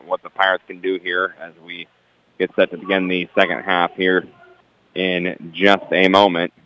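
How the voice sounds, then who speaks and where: Deep-voiced male radio sports announcer, lo-fi broadcast. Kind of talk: local radio basketball commentary.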